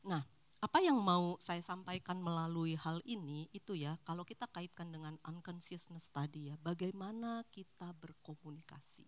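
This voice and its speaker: A woman's voice: fairly low pitch, normal speed. A middle-aged woman counselor talking casually to a church couples' group, acting out short everyday dialogues as she goes. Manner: animated, acts out little dialogues. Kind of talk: casual talk.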